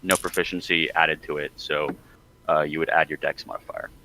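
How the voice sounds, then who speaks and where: A man's voice: very deep voice, little pitch movement, moderate pace, bright, forceful tone, poor audio. A man playing a cleric in a tabletop game, chatting casually, eager and joking. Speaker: player, cleric.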